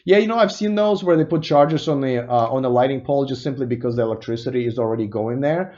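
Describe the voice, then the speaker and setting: A man from Russia hosts a relaxed live stream, reading out viewer comments and mulling them over as he goes. He sits at a mid pitch and restarts his sentences often. The sound is a bit dull and lo-fi. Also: fast. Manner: casual and thinking aloud, with many restarts and musing asides. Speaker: host of an electric car news show.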